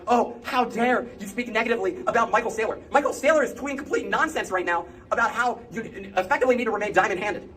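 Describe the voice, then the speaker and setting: Man on sped-up video playback, chipmunk pitch, very fast, indignant and emphatic. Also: pushed and bright. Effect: sped-up playback, high chipmunk-like pitch. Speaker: crypto influencer. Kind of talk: ranting video commentary.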